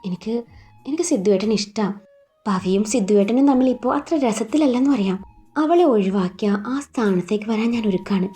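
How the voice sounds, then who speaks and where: A woman's voice: mid-range voice, animated, a little fast, dark tone, faint music behind, close to an everyday voice. A woman voicing a lovesick young woman who pleads hesitantly, faltering over her words, in a read-aloud romance story. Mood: pleading.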